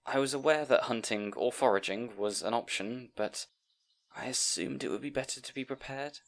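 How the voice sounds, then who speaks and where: This man's medium-pitched, creaky voice stays near an everyday sound and moves at a normal speed. Acting as a bookish, timid young scribe for a fantasy audio roleplay aimed at the listener, he stammers and rambles, hesitant, apologetic and anxious.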